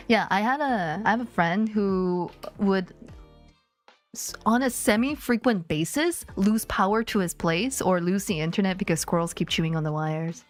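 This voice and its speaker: A woman streamer chatting playfully with her viewers, rambling and joking. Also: mid-range voice. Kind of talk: casual live-stream chat.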